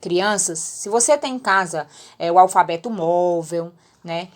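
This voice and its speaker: A woman's voice: lowish voice, measured pace. A woman with a Brazilian Portuguese accent, a primary school teacher giving a recorded lesson to children, patient and repeating herself as she checks they understood.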